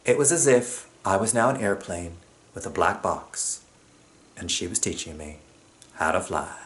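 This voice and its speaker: A man from Jamaica relates a personal story onstage, acting out what other people say with plenty of expression. His voice sits low and his pace is moderate.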